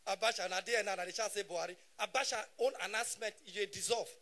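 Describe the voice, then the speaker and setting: Man, Nigerian Pidgin accent, stand-up comic, very high voice, bright edge, animated, shouts punchlines. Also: quick pace. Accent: Nigerian Pidgin English. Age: 30s. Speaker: stand-up comedian.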